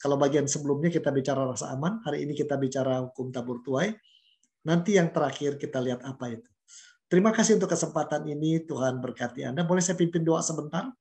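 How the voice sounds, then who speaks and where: An older man with an Indonesian accent, a pastor preaching and leading prayer in a chatty, conversational way. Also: a little high. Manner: warm conversational preaching with asides. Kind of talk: sermon and prayer.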